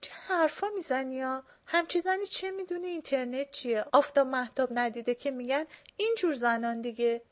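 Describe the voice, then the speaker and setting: Chatty young woman, read by a woman, high, gushing, storybook. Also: close to an everyday voice. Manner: high, quick and exclaiming.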